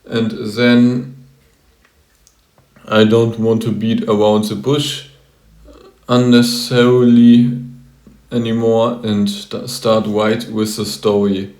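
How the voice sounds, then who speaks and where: A man's voice: fairly low pitch, flat delivery, slow pace, pauses often, a little mellow. A man introducing a story on his channel in a casual, slightly hesitant way. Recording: echoey room.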